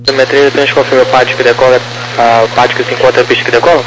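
A Brazilian man working as a tower controller, reading out procedural clearances over an aviation radio. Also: medium pitch, level tone, very fast, background noise. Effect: aviation radio transmission. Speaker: airport tower and ground controller.

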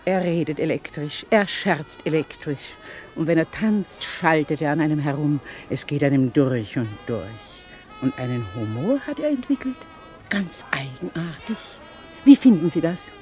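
A woman's voice: deep voice, lively intonation, moderate pace, a little mellow, faint music behind. A gushing, flirty society lady. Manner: coquettish and chattering, with theatrical sighs.

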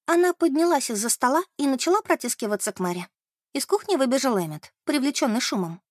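A woman narrating an audiobook in an expressive, animated way. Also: high voice, fast, no echo, clean studio sound.

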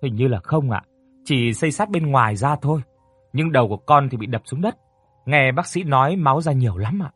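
A timid, injured young woman , read by a male narrator in near his own voice. She answers gently and politely. The tone is husky and mid-pitched. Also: lively intonation, fairly quick, no echo, faint music behind. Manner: soft, shy, polite.

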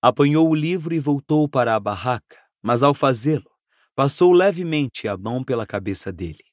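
A man with a Brazilian accent narrating an audiobook in an expressive, dramatic reading. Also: mid-range voice, moderate pace, no room sound, clean studio sound. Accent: Brazilian Portuguese. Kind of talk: scripted narration.

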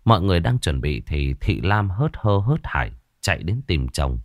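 A man with a very deep voice tells a ghost story in a dramatic, suspenseful way, pausing slowly. His pitch swings up and down with lively movement. The recording is close-miked and dry.

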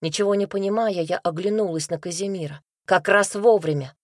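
A woman narrating a first-person novel in a lively, expressive reading voice, close to the mic. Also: mid-range voice, brisk, dry recording. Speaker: audiobook narrator.

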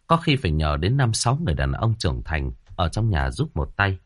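A man narrating an audiobook story in a lively storytelling manner. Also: low-pitched, a little fast, husky, no echo, clean studio sound.

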